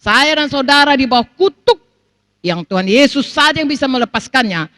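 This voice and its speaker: A woman's voice: sits high, normal speed, no room sound. A middle-aged woman pastor from Sumatra, preaching a sermon and acting out the people she quotes. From North Sumatra. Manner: animated preaching, acts out quoted voices, keeps addressing the congregation.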